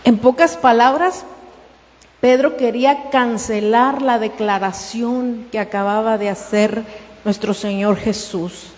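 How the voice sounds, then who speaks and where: A woman's voice: on the high side, fairly even intonation, takes it slowly, in a large hall. A woman pastor preaching a sermon, asking the congregation questions and calling them "hermano".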